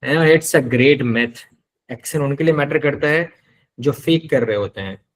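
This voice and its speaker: A man's voice: mid-range voice, measured pace, rough recording. A man, a project manager on an online panel, explaining plainly and mixing English phrases into Urdu over a video call.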